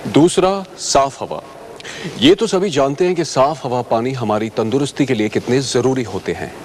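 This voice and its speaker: In a scripted training piece, a man playing a service advisor politely walks the viewer through instructions at an ordinary pace. His intonation is lively, with faint sounds of vehicles and the surroundings in the background.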